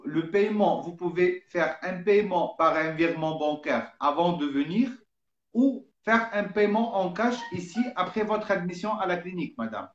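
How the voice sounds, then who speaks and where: A man's voice: sits high, expressive, moderate pace, highs cut off. A man explaining things to live viewers as an agent, courteous and formal, often repeating words as he searches for them. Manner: courteous, formal, hesitant repetitions. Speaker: medical travel agent. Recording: echoey room.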